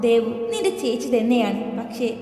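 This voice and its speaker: A woman voicing a gentle, tender middle-aged mother who speaks to her grown children in a soothing way. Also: on the high side, sing-song, normal speed. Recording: echoey reverb with soft music.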